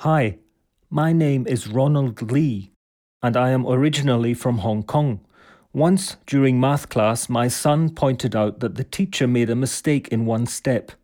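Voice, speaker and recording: A man plays a thoughtful father from Hong Kong in a listening-test clip. His mid-pitched voice sounds warm and mellow. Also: measured pace, close to an everyday voice. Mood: approving. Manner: thoughtful, approving. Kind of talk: scripted testimonial for a listening test.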